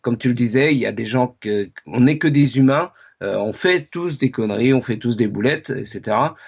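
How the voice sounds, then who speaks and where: A man hosting a casual web radio chat, talking in halting phrases with many fillers and restarts. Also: mid-range voice, vocal fry, breathy edge. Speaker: radio show host.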